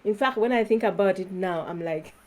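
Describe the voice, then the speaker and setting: A woman's voice: medium pitch, brisk. A woman from Uganda, talking casually to her viewers in a vlog, chatty and often laughing. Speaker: YouTuber.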